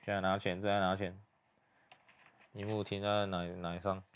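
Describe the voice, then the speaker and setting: A young man giving hushed, muttered play-by-play commentary as he reacts to a video. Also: low voice, flat delivery, normal speed, slight background noise.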